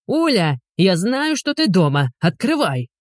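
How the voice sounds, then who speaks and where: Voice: mid-range voice, very animated, a little slow, dry recording, clean studio sound, voice pushed up. A reader voicing a grown man, a whining, demanding, pompous ex-husband, in an audiobook. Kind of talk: audiobook dialogue.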